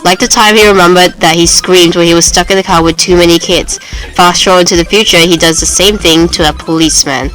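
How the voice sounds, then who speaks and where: A woman's voice: lowish voice, fairly even intonation, fairly quick, a bit bright, faint music behind, low-quality recording. A young woman arguing her points in an informal book debate, reasoning through examples. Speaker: student debater.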